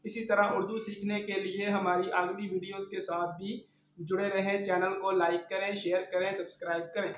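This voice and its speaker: A man's voice: high voice, level tone, moderate pace, background noise. A man teaching a children's reading lesson, sounding out each letter and repeating every word for young learners. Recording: roomy, slightly dull recording.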